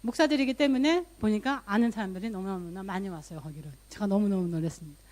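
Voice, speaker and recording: A woman's voice: medium pitch, quick pace, darkish tone. A woman pastor giving a sermon in a conversational storytelling way, sprinkling in English words and lifting her voice when she quotes her own prayers. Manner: mixes English loanwords into speech.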